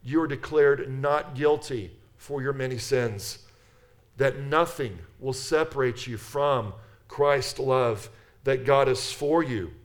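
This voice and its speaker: A man's voice: mid-range voice, slow pace. A man preaching a sermon, reading scripture with earnest emphasis and then leading a prayer. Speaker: pastor.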